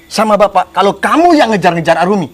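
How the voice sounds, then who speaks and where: A man's voice: high voice, animated, fast talker. An actor playing an arrogant rich father who scolds and scorns a poor young man. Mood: scornful. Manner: contemptuous, scolding.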